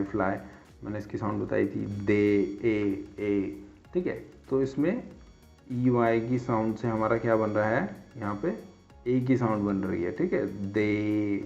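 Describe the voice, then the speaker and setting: A man's voice: on the low side, creaky, darkish tone. Man teaching, forever checking in. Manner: repeats "theek hai" as a check-in after nearly every point; spells and repeats example words slowly. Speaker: English teacher. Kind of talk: casual explanatory lesson. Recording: dull lo-fi sound.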